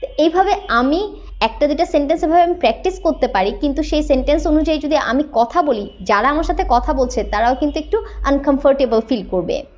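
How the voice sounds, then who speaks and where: A woman from Bangladesh, an English teacher, explaining patiently and slowing down to model sentences. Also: high voice, expressive, a little mellow, muffled recording. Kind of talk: explanatory lesson.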